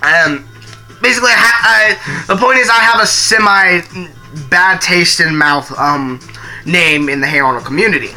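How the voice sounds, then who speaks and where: A man's voice: sits high, normal speed, pushed and bright, soft background music. A young man streaming live and chatting casually, rambling with restarts and some swearing.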